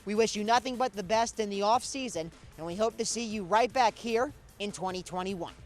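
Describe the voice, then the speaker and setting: Faint music plays behind a young adult American man reporting and interviewing in a polished broadcast style, like an announcer. He's a student sports and news reporter whose high-pitched voice moves briskly.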